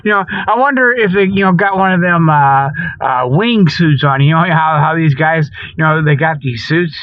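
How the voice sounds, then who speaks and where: A comedy radio host with a notably high voice rambles through a comic monologue at normal speed. He's folksy and loose, clearly amused by his own jokes. The audio is very dry, dull, and a little muffled, like lo-fi radio.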